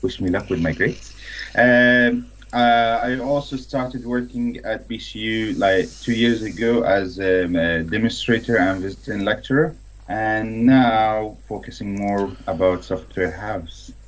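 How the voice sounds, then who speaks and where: A man's voice: lowish voice, unhurried, low-quality recording. A man from Syria introducing himself as a panel guest over a video call, hesitant and correcting himself.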